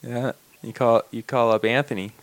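A man co-hosting a comedy podcast, making dry, deadpan jokes and laughing often. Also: medium pitch, moderate pace. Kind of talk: casual chat.

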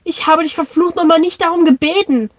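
A woman's voice: very high-pitched, steady tone, brisk, no echo, muffled recording. A woman reading the lines of an indignant young woman, in her own voice without changing it.

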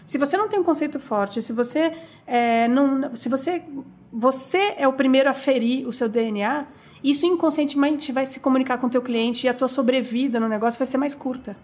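A middle-aged woman speaks as a guest in a relaxed interview, her voice sitting noticeably high. She tells stories in an animated, chatty way, restarting sentences and filling pauses as she goes. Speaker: guest, coffee business owner. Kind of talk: conversational interview storytelling.

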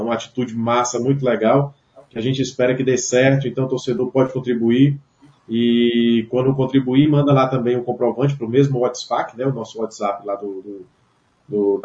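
A Brazilian man casually hosting a sports radio show, talking unscripted in a halting way with repeated words. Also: mid-range voice, dark tone. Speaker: host of a football club radio show. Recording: dull, echoey web radio sound.

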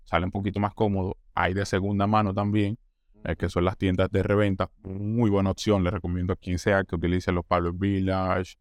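In a casual interview, a Colombian man who is new to the show goes on at length, his voice low-pitched and level and his pace a little fast. He restarts words and mimics the people he's quoting. There's no room sound.

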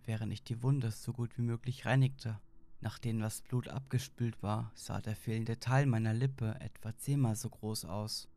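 A man's voice: medium pitch, vocal fry, mellow, slight background noise. Man narrating a horror story. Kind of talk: first-person creepypasta narration.

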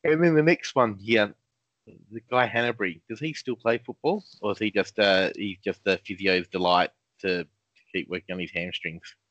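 A man's voice: fairly low pitch, normal speed, a bit bright, no echo. A man co-hosting a casual fantasy football chat, laid-back and jokey with lots of ums. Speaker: podcast co-host. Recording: dull lo-fi sound.

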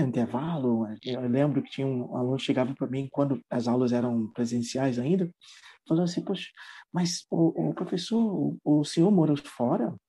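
A man's voice: fairly high pitch, dark tone, slightly rough. A man who teaches English, talking at length in an interview conversation and explaining his ideas thoughtfully, with frequent tag questions.

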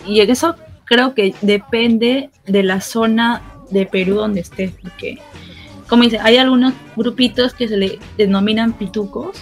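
A woman's voice: on the high side, measured pace, faint music behind. Eager Peruvian woman explaining. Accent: Peruvian Spanish, Lima. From Peru. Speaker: podcast co-host. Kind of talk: casual panel chat.

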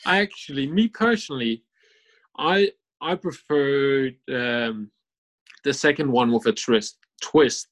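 A man co-hosting a podcast, joking and interjecting, speaking in halting restarts when he explains his view. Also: mid-range voice, a bit bright, low-quality recording. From Denmark. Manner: playful, jokes and interjects, then talks in slow, halting restarts. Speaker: podcast co-host. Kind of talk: casual podcast chat.

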